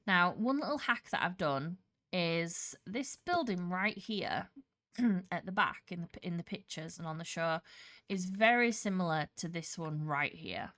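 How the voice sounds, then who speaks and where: A woman's voice: on the low side, expressive, a little slow, fairly bright tone, no echo. A woman streaming a building game, chatting casually and rambling with lots of restarts, her nose congested and a slight cough in her voice. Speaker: Minecraft streamer. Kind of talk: casual live-stream commentary while building.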